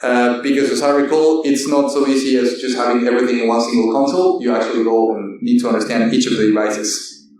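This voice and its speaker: A man gives a technical talk at a conference in a voice of ordinary pitch. He speaks haltingly, restarting phrases and correcting himself. His voice is picked up from a distance and rings through a very echoey hall. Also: steady tone, darkish tone. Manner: halting, with many fillers and self-corrections.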